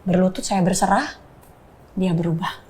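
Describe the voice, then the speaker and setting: A woman's voice: fairly low pitch, fairly even intonation, normal speed, a little mellow. A woman sharing a personal faith testimony in earnest storytelling, slipping English phrases into her speech.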